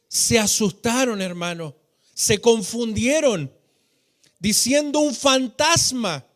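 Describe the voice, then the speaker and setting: Chilean male preacher, strikingly high pitch, emphatic and fervent, lingers on words in a singing cadence. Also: a bit bright. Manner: fervent, drawn-out emphatic phrasing with sung cadences. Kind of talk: sermon. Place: church hall.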